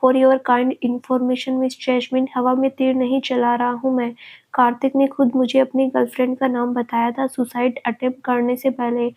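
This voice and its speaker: A woman's voice: sits high, completely flat delivery, normal speed, lo-fi sound. Cold, bitter young man, read by a woman. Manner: cold, accusing, cutting. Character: angry young man, cold and bitter toward his lover. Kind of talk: storybook reading.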